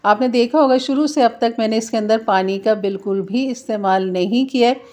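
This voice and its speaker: Warm-voiced woman teaching home cooking. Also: on the high side, a little fast. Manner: patient, explains the reason behind each step. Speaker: home cook, channel host. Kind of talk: cooking tutorial narration.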